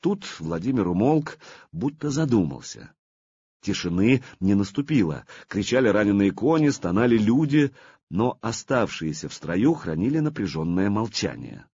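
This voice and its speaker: A man narrating an audiobook with a lively, dramatic reading. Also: fairly low pitch, normal speed, husky, no echo, highs cut off.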